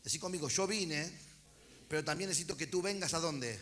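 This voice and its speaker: Brisk and slightly bright, a man's fairly high voice delivers a sermon in Rioplatense Argentine Spanish. The pastor reads scripture aloud at a church service and calls out to his congregation, tossing in chatty asides.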